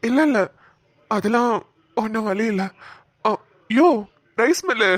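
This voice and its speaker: A woman's voice: a little high, a little slow, no echo. A woman voicing a playful, teasing young man in a cartoon. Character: joking young man recovering in hospital. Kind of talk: cartoon voice acting.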